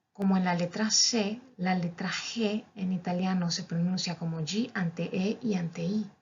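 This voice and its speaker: A woman's voice: on the low side, vocal fry, a little mellow, breathy edge. A woman teaching a language lesson, carefully spelling out each letter and example word. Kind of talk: slow, methodical teaching. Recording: dull, lo-fi recording.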